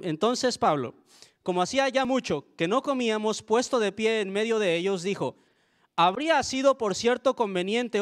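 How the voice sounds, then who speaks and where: A young man with a noticeably high voice preaches to his congregation. He talks earnestly and conversationally and often turns to the listeners with little asides. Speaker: pastor. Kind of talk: sermon.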